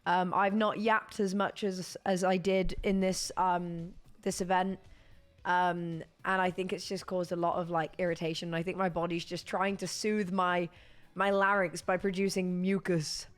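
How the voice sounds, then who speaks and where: A young British-accented woman, her voice hoarse and fading, rambles casually to her stream audience and laughs frequently. Her voice is lowish with little pitch movement, and she talks a little slowly.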